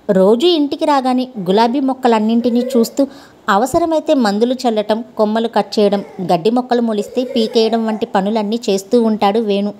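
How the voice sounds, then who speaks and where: A woman narrating a scripted story in a calm, even storytelling manner. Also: on the high side, a little hiss or hum.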